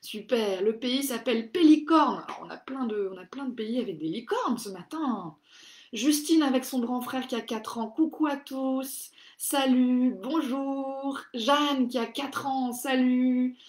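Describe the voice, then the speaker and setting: A cheerful woman with a fairly high voice hosts a live craft workshop for children. She greets each viewer by name and reads their comments aloud in a lively, encouraging way. Her voice carries a roomy echo. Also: measured pace.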